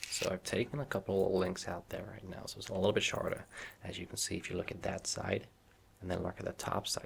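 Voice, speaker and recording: A man doing a softly spoken ASMR role-play as a watch shop salesman, with reassuring customer-service patter in a low, gravelly voice. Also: heavy background noise.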